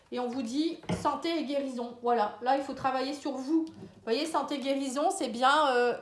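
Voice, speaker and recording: A woman's voice: sits high, reverberant. A woman giving a casual spoken tarot and horoscope reading, talking straight to the viewer, hesitant and full of fillers. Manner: speaks directly and familiarly to the viewer. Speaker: astrology and tarot reader.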